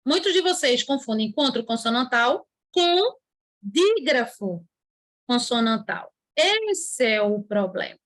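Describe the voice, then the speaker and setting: A woman with a high voice gives an online grammar lesson. She explains patiently and stretches the words she wants to stress, now and then voicing a student's question herself. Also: sing-song, slow, fairly bright tone. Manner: writes on a board while talking. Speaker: teacher.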